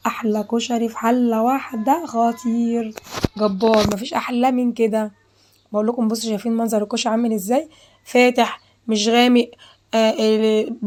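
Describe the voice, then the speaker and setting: A woman's voice: on the high side, darkish tone. A woman with an Egyptian Arabic accent hosting a home cooking tutorial, chatty and repeating herself as she talks straight to viewers. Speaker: cooking channel host.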